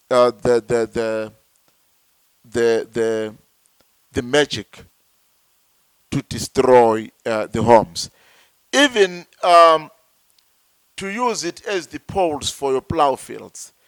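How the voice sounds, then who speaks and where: A man from Zimbabwe, a traditional healer, explaining slowly and deliberately and repeating words as he searches for them. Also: mid-range voice, no room sound. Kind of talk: slow explanatory talk.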